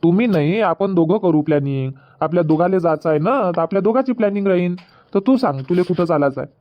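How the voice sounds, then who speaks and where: A high-pitched, expressive male voice moves at a quick clip over dull audio. In this Marathi comedy cartoon dub he plays an easygoing young husband, coaxing his wife, reassuring her and forever finding excuses.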